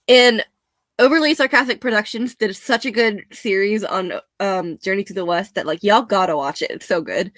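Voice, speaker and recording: A young woman, a bit hoarse, chatting casually and laughing often as she rambles. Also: mid-range voice, normal speed, a bit bright, no echo. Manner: chatty, laughs often, self-deprecating asides. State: slightly hoarse.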